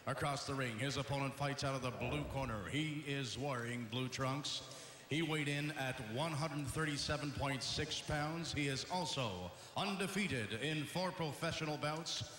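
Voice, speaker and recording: Male boxing ring announcer, deliberate and declamatory, ringing forceful tone, echoing through a big hall. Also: a little high. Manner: measured, declamatory. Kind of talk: formal bilingual boxing ring announcing, drawn-out names. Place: boxing arena. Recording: echoey arena PA with long reverb.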